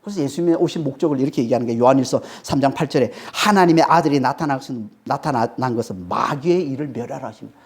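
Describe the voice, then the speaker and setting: A woman preaches an expository sermon in an extremely low, slightly mellow voice, talking fast with few pauses. She's emphatic, repeats key phrases and keeps checking on the audience with a prompting "eh?".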